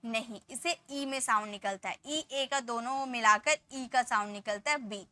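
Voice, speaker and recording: Bright high-voiced woman teaching English spelling rules. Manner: explains each rule slowly, then repeats the example words; checks in with the viewer often. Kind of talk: spoken phonics lesson.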